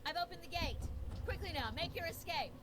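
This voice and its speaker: A woman's voice: very high voice, a little fast, background noise. A woman playing an urgent female ally calling out from above in a fantasy video game. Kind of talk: video game character acting.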